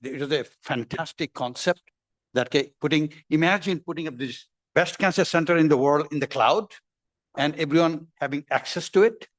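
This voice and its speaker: A man's voice: a little high, normal speed, no room sound. A man on a conference panel, speaking enthusiastically and repeating key phrases. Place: conference hall.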